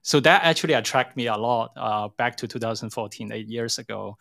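This interview guest is a tech company CEO, a middle-aged man whose Hong Kong accent colors his brisk, slightly bright mid-range voice, which carries some vocal fry. He explains things hesitantly and keeps rephrasing mid-answer.

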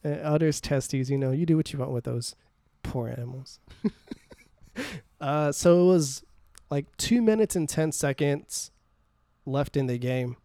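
A man's voice: on the high side, measured pace, warm tone, dry recording, studio quality. Blunt, swearing man talking sports. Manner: blunt, swears freely, teasing. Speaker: podcast co-host. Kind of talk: casual sports chat.

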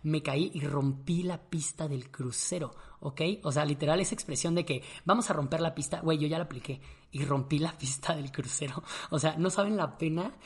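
A young man with a Mexican accent, casually telling an animated, slang-filled story to his audience and acting out his own reactions. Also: a little high, moderate pace.

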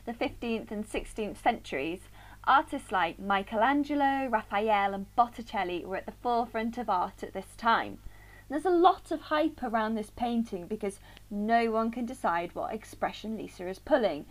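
A woman's voice: fairly high pitch, poor audio. A young woman co-hosting a podcast, speaking in an upbeat, playful way. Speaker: podcast co-host. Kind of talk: casual chat.

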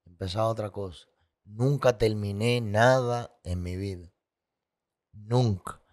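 A man's voice: on the low side, slow, darkish tone. A man telling his personal story as a guest, candid and emotional, with vivid sound effects and repetition.

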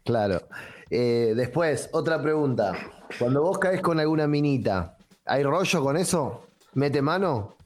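A man with a Rioplatense Spanish accent, asking teasing, rapid-fire questions as a podcast co-host. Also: medium pitch, animated, faint music behind. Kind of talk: casual comedic chat.

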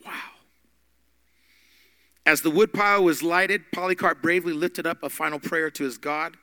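A man teaching a Bible study podcast, emphatic, with big swings in loudness. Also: fairly high pitch, normal speed, no echo.

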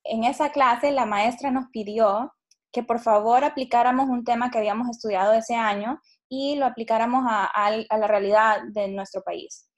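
A woman's voice: on the high side, moderate pace. A woman in her late twenties from Honduras, answering interview questions reflectively, with many fillers and restarts. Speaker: guest, startup CEO.

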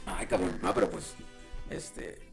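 A man's voice: measured pace, faint music behind. A man with a Mexican Spanish accent chatting casually on a podcast, rambling and slangy. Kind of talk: casual chat.

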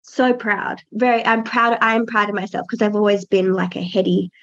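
A woman's voice: medium pitch, fairly even intonation, normal speed, fairly bright tone. A pregnant woman in her thirties, a podcast guest talking casually, earnest and reflective with many restarts. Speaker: podcast guest, birth doula. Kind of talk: casual interview chat. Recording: dull lo-fi audio.

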